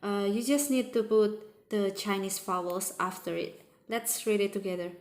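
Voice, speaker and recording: A woman teaching a language lesson, explaining sounds patiently and repeating examples slowly. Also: mid-range voice, fairly even intonation, reverberant. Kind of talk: slow spoken language lesson.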